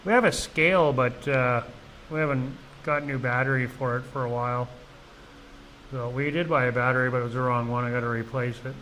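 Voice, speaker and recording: A middle-aged man from Canada talks on a live vlog in an easygoing, rambling way. He keeps restarting sentences and filling gaps with "you know." His voice sits at an ordinary pitch, with a faint hum of ambience behind him. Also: fairly even intonation, fairly quick, bright, forceful tone, low-quality recording. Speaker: vlog host. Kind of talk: casual live-stream chat.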